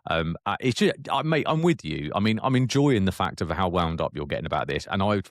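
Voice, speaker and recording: A very deep-voiced man on a football podcast, laid-back and teasing as he talks it through. The recording is close and dry. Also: animated, fairly quick, dry recording. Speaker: podcast co-host. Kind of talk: casual football chat.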